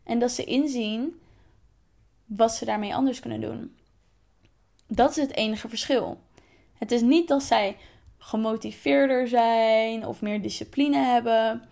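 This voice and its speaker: A woman's voice: on the high side, fairly even intonation, measured pace, vocal fry, long pauses, warm tone. A woman hosting her own coaching podcast, talking straight to the listener in an emphatic, direct motivational monologue. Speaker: life coach and podcast host.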